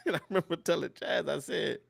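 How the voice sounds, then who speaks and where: A man hosting a casual comedy podcast, telling stories with laughs and animated energy. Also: fairly high pitch, brisk, gravelly, husky, no echo, clean studio sound. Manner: animated storyteller, laughs often, loud mock-preacher bursts. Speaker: podcast host.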